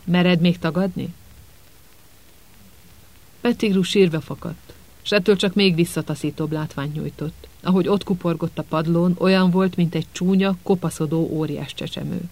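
A man narrating an audiobook with steady, dramatic storytelling. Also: on the high side, few pauses, rough recording.

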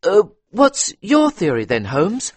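A man voicing a brisk, talkative male police inspector in a read-aloud detective story, with a raised, eager delivery and a husky edge. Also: high voice, wildly swooping pitch, darkish tone, dry recording, voice pushed up, exaggerated voice. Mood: curious. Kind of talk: audiobook character reading.

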